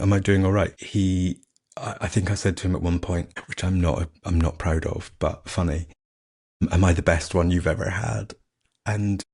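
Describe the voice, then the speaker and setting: Gravelly deep-voiced man, candid solo podcast. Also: dark tone. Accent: faded Scottish. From Scotland. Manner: candid, self-mocking, chatty. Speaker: podcast host. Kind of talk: casual solo podcast chat.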